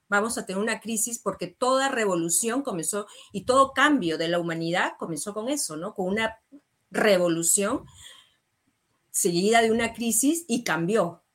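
A woman's voice: medium pitch, normal speed. A woman hosting a podcast conversation, affirming the others and steering with open questions. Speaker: host.

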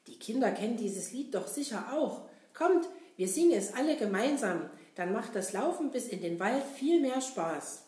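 A woman voicing a cheerful, cheeky male puppet jester, talking excitedly to children. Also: fairly high pitch, normal speed, hardly any pauses, natural voice. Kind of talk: children's audio puppet play. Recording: roomy echo.

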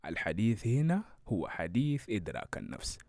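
A man's voice: lowish voice, a little fast. Man hosting a reflective podcast over guitar. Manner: calm, explanatory storytelling. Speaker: podcast host. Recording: guitar music behind voice. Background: guitar music.

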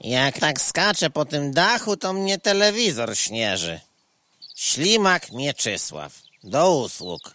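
A man playing a courteous, homely rustic snail in a comic radio play, rambling along in a folksy, unhurried way. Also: on the high side, sing-song, pushed and bright, exaggerated voice. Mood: obliging.

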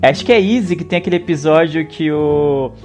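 Higher-voiced Brazilian man, teasing and slangy. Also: brisk, a little mellow. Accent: Brazilian Portuguese. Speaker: podcast co-host. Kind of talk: casual slangy banter. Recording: music behind the voice.

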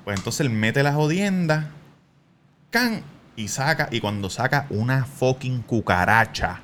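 A man's voice: mid-range voice, a little slow, slight background noise. A man with a Puerto Rican accent, co-hosting a podcast and telling a story with lots of acted-out quotes. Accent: Puerto Rican Spanish. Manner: animated storyteller, acts out quotes, bursts into laughing shouts. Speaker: podcast co-host. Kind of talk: casual storytelling chat.

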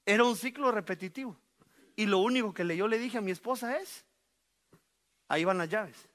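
A middle-aged man preaching a sermon as pastor, animated and joking, speaking straight to the congregation. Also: high voice, fast talker. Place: church sanctuary.

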